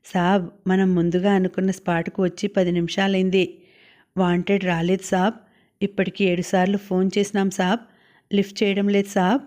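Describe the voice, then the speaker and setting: Lady doing a meek henchman guy reporting to the boss, even flat voice, audiobook. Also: medium pitch, normal speed, lightly acted. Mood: deferential. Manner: respectful, keeps saying sir. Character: deferential male henchman reporting to his boss.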